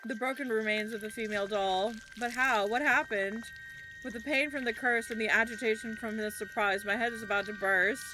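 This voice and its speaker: A woman playing a game and commenting as she goes, reading game text aloud in an expressive, reactive way with casual swearing. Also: fairly high pitch, fairly quick. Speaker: game streamer. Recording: clearly noisy background.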